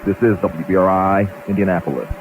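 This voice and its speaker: A male radio announcer reading a station identification in a smooth, measured delivery, heard through a tinny clock radio. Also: sits low. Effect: tinny clock radio sound. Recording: tinny radio playback with hiss.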